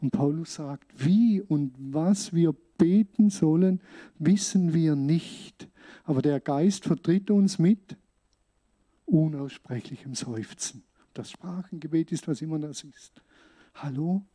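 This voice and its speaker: A man preaches to his congregation. His voice sits fairly high but sounds very mellow and dark. He talks earnestly and plainly, leaning on pauses for emphasis. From Switzerland. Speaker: pastor. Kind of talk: sermon.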